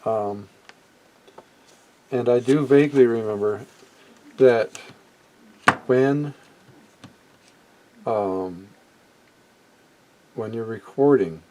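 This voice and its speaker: Drawing out his words and pausing often, a man with a mellow, mid-range voice demonstrates vintage electronics at home. He's middle-aged or older, working unscripted and hands-on, musing hesitantly and trailing off mid-thought. The audio is rough, with noise in the background.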